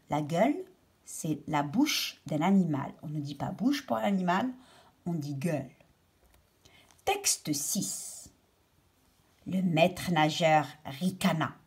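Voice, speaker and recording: A woman's voice: lowish voice, husky. A woman teacher reading a children's story aloud and patiently explaining its words to young pupils.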